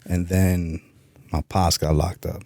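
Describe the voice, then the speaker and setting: A New York man, appearing as a podcast guest, tells his life story bluntly and streetwise, swearing freely and acting out past conversations in a raised voice. His low, slightly mellow voice moves slowly with little pitch change, and the candid interview is recorded dry.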